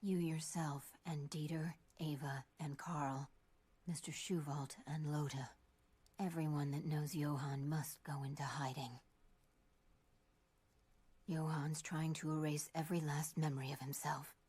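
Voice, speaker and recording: A woman's voice: low voice, level tone, a little slow, darkish tone, husky. An actress playing a resolute, sorrowful young woman in an anime dub, earnest and solemn. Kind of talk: anime dub drama acting.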